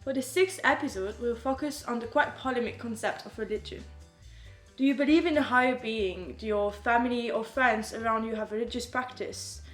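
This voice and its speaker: This podcast host from France speaks at normal speed in a fairly high voice, with soft music in the background and a roomy sound. After reading a cheerful scripted welcome, she shifts into casual conversation with her guests, peppering her questions with "like."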